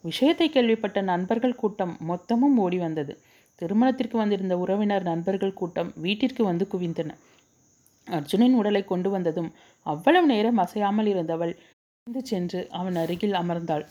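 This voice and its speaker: A woman narrating a dramatic story with a steady, emotive reading. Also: medium pitch, normal speed.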